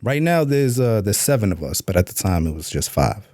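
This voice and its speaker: Low, dark-voiced man telling his story. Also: very animated, a little fast, no room sound, studio quality. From New York, USA. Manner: blunt, streetwise, swears freely; acts out past dialogue in a raised voice. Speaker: podcast guest. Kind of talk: candid interview storytelling.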